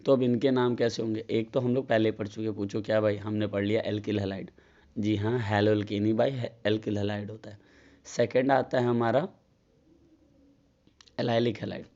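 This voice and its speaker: Man, Hindi accent, chemistry tutor, flat mellow voice, self-questioning, dull lo-fi phone recording. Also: fairly low pitch, unhurried. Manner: chatty, asks and answers his own questions. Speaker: chemistry teacher. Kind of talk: casual tutorial lecture.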